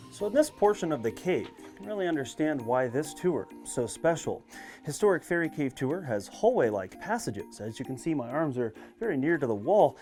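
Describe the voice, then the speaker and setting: A male tour guide speaks on location in a cave over background music. His mid-pitched voice moves up and down in a lively way. He presents each sight in an explanatory, guided-tour style as he walks along. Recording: music behind the voice.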